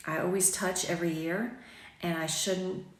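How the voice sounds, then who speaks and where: Over morning tea, a woman in her forties who runs a boutique rambles chattily to viewers, a little raspy from just waking up. Her voice is on the low side, with fairly even intonation at a moderate pace, and she's self-deprecating with frequent ums. She films on a phone at arm's length in her sunny kitchen, which sounds echoey.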